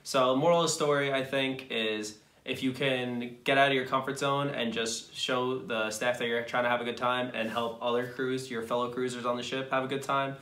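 A man's voice: mid-range voice, normal speed, hardly any pauses. Laid-back young man in echoey room. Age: young adult. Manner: relaxed storytelling, laughs often. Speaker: vlog co-host. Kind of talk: casual chat to camera. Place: small indoor room, seated.

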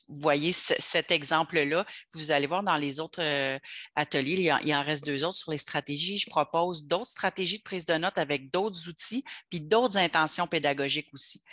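A workshop leader with a Québécois French accent talks through an online session in a chatty, step-by-step way. The voice is bright and forceful, at a middle pitch. The video-call audio is very dry, with no room sound. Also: no room sound.

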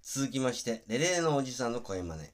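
A man's voice: medium pitch, sing-song, a little fast. A man plainly announcing each of his voice impressions in short lines.

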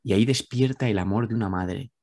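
A man with a Spain Spanish accent, a guest talking calmly about spiritual ideas, repeating phrases and asking rhetorical questions. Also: on the low side, brisk. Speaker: guest speaker. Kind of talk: reflective spiritual talk.

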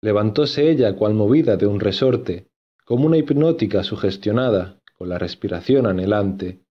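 Low-voiced male audiobook narrator. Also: expressive, highs cut off. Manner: measured, literary reading. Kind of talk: scripted narration.

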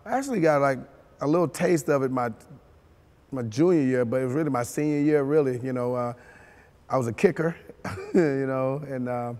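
A former football player from Mississippi tells his life story in a sit-down interview, relaxed and chuckling, saying "you know" a lot. His mid-range voice moves at a normal speed with frequent pauses, and the studio, set against a dark backdrop, has a big-room sound.

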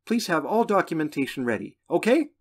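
A man voicing a polite, helpful female airport agent with a brisk customer-service manner. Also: on the high side, sing-song, breathy edge, voice pushed up.

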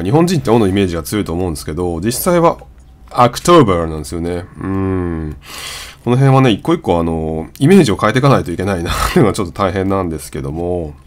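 A man whose first language is Japanese, casually teaching English pronunciation and drawing out vowel sounds as examples. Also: low-pitched. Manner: demonstrates vowel sounds, repeating and drawing them out. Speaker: channel host.

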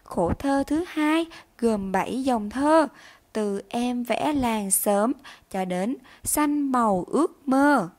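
A woman teacher giving a recorded reading lesson to young children, pronouncing each word and syllable slowly and carefully. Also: fairly high pitch, animated, a little mellow. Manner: slow, careful enunciation of words and syllables. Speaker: primary school teacher.

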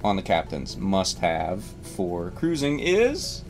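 A man's voice: low-pitched, huge pitch swings, slow, a little mellow, faint music behind. A man in his forties, a boat captain hosting, giving a casual, rambling rundown of gear from inside a boat cabin, self-amused and easygoing. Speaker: boat captain and channel host.

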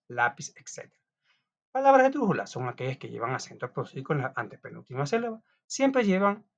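Man, teacher, classroom lesson, chatty with restarts, animated pitch, lo-fi sound. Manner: lively, chatty, with restarts and asides. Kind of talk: classroom lesson reading notes aloud. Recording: dull lo-fi recording.

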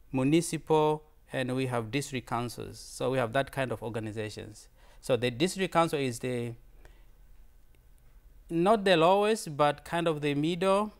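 A visiting fellow from Tanzania, a man in his thirties whose first language is Swahili, speaks with a Tanzanian accent in a clear, resonant voice of medium pitch. His slide presentation is informal and earnest, marked by frequent repetition and restarts.

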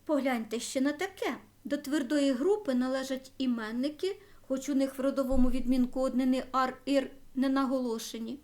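A woman teacher giving a school grammar lesson, slowly spelling out word forms one by one. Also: sits high, a little mellow. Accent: Ukrainian. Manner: slow, careful dictation of word forms.

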